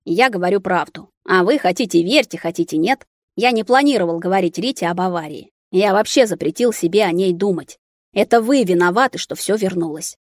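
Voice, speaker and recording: A woman reading an audiobook, voicing a sarcastic, bitter young man in a wheelchair who shouts at his parents. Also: fairly low pitch, expressive, brisk, no echo, clean studio sound. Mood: bitter, shouting.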